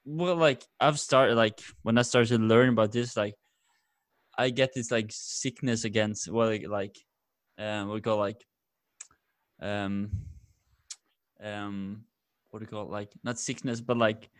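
A low-pitched man hosting an interview, halting and hesitant, hunting for the right words with a stream of fillers. His voice sounds close and dry. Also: steady tone, no echo. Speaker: podcast host. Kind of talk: conversational podcast interview.

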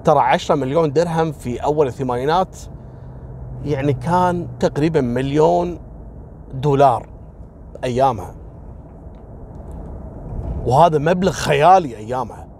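A man's voice: normal speed, pauses often, a little mellow, slight background noise. A man telling a spoken story casually, lifting his voice to act out the characters. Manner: acts out quoted characters with raised pitch.

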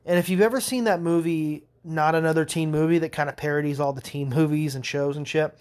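A man's voice: a little high, steady tone, a little fast, darkish tone. Rambling, cussing young man. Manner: rambling, profane, laughing storyteller. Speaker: podcast host. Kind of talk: casual monologue.

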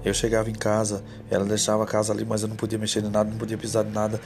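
A man's voice: fairly low pitch, monotone, very fast, a little mellow, slight background noise. A man preaching a sermon, telling a story and then exhorting women directly.

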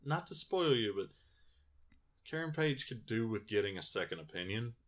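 A man's voice: on the low side, lively intonation, normal speed. A man co-hosting a podcast in casual chat, dry and sarcastic, often mocking things in a put-on voice. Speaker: podcast co-host.

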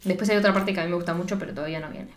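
A young woman with a Rioplatense Spanish accent, co-hosting a casual chat and retelling a film plot in an animated, giggly way, acting out the lines. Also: on the low side, very fast. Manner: animated storytelling, giggly, acts out quotes. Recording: echoey room.

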